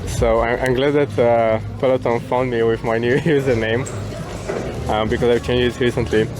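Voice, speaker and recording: In this casual walking livestream, a Romanian man chats with his audience on a city square and promenade, calmly calling out viewers by name as he thanks them. His mid-range voice stays steady at a moderate pace, while music plays close by. The audio quality is poor.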